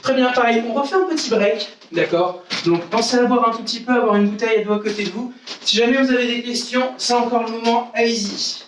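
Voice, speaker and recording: A man's voice: extremely high pitch, a little fast, distant mic, slight background noise. A man teaching a live online karate class, explaining technique and calling out counts and commands to his students. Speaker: karate instructor. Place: room at home with window. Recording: very echoey room, away from the mic.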